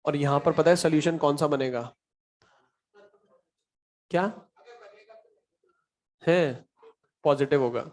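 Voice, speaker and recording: Guy with a high voice teaching a chem class, keeps quizzing the students and teasing them, says the answers over and over. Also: slow, long pauses, darkish tone. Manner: repeats key answers for emphasis. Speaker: chemistry teacher. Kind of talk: classroom lecture.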